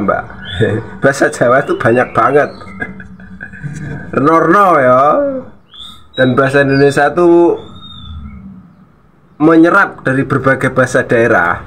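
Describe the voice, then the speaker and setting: A man's voice: on the high side, fairly bright tone, slight background noise. A man hosting a reaction video, scolding and mocking in casual commentary with frequent laughs.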